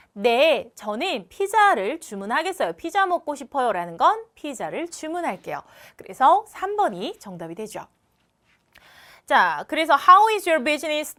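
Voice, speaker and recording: A young woman with a high, fairly bright voice records an English exam walkthrough lesson. Step by step and patiently, she explains every question, repeating words so learners can practice pronunciation.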